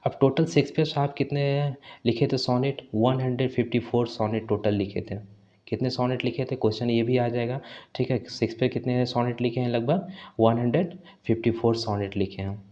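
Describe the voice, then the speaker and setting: A male teacher explains exam questions on English literature, mixing Hindi with slowly read English lines and often saying "ठीक है". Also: mid-range voice, fairly even intonation, warm tone, muffled recording. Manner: mixes Hindi with English, reading English phrases slowly; repeats "ठीक है" as a filler. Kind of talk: exam-prep lesson.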